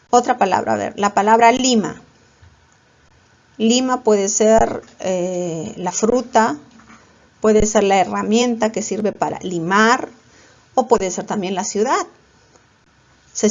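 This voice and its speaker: Woman lecturing a class, higher voice, dull recording, poses questions then answers them. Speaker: teacher.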